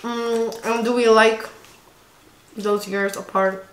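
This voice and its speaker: A woman's voice: fairly high pitch, little pitch movement, takes it slowly. A woman in her twenties, a native Dutch speaker, chatting casually with her sister while eating, giggly. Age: 20s. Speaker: vlogger. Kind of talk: casual mukbang chat. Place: home room with family. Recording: echoey room.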